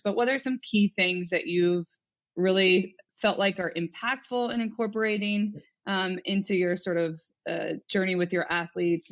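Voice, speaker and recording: A woman's voice: fairly low pitch, highs cut off. A woman hosting a podcast, chatting in an upbeat, loose way with plenty of fillers. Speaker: podcast host. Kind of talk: casual interview.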